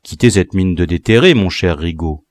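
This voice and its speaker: A man voicing a scheming male rebel general who speaks calmly in a low, quiet voice, in a dry recording. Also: moderate pace, no room sound, natural voice. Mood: dismissive.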